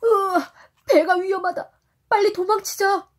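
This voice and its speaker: A woman voicing a bold, excitable male sailor adventurer, dramatic and exclamatory, while reading a storybook to a toddler. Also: fairly high pitch, normal speed, slightly rough. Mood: panicked.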